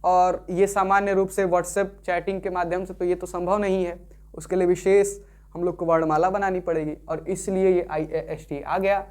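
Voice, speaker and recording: A man's voice: fairly high pitch, a little mellow. A male teacher gives a careful, step-by-step online lesson. He goes back over each point several times and keeps asking whether the listener follows before he moves on. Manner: repetitive, keeps checking understanding with tag questions. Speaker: Sanskrit teacher.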